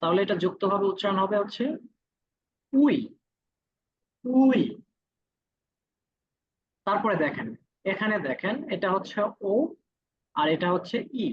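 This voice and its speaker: Guy teaching a class online, husky voice, dull muffled sound, says every vowel twice. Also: high voice. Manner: patient, repeats each vowel sound slowly. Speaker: Korean language teacher. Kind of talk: classroom lesson.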